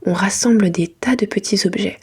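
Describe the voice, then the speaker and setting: A woman reading a children's storybook in a hushed, breathy library whisper, in a soft ASMR style. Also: medium pitch, moderate pace. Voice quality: breathy, unvoiced.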